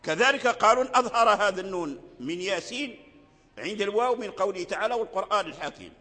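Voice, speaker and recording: An older man gives a slow, deliberate religious lesson in a fairly high voice. He repeats his phrases and breaks into short chanted verses. A long reverb hangs behind him, as in a large hall. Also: pushed and bright. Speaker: Quran recitation teacher. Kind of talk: religious lesson on recitation rules.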